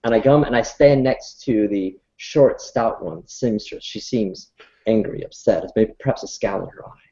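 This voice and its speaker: A man playing a tabletop game, describing his character's actions in a theatrical, halting way. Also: on the low side, warm tone. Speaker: player. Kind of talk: tabletop role-play. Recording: dull lo-fi recording.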